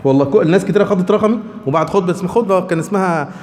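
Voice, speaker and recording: A man's voice: sits high, rapid-fire, a little mellow, in a large hall, slight background noise. A man with an Egyptian accent giving a colloquial religious lecture, emphatic and full of rhetorical questions to his listeners. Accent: Egyptian Arabic. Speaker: preacher.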